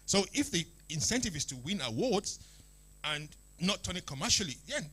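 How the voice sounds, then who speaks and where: Higher-voiced man giving a talk. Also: sing-song, normal speed, pushed and bright, husky. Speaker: speaker, media business expert. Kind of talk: explanatory talk with questions.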